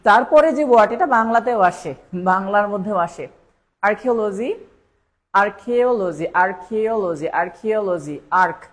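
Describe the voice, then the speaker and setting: A woman's voice: medium pitch, expressive, normal speed. A woman teaching a live online English spelling lesson for exam preparation. She repeats each word several times and spells it out letter by letter.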